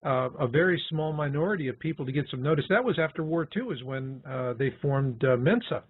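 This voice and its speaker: A man's voice: a little high, expressive, fairly quick, slightly rough. A man hosting a radio talk show, explaining his points in a conversational way. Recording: tinny phone-like sound.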